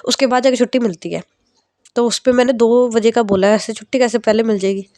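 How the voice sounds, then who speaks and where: A woman's voice: a little high, steady tone, quick pace, a little mellow, no echo, clean studio sound, lightly acted. A woman voicing an exasperated young woman who protests defensively on a phone call. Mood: explaining.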